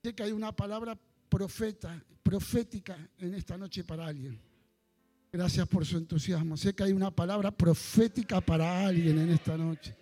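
An Argentine man in his sixties preaches with a very high-pitched voice and an Argentine Spanish accent. He leads the congregation in call-and-response and fervently builds toward shouting. Faint music plays softly behind him. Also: moderate pace. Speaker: pastor. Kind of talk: sermon with congregational prayer.

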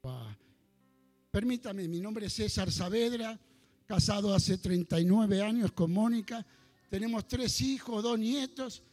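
An Argentine man in his sixties preaches with a very high-pitched voice and an Argentine Spanish accent. He leads the congregation in call-and-response and fervently builds toward shouting. Faint music plays softly behind him. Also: animated, unhurried. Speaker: pastor. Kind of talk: sermon with congregational prayer.

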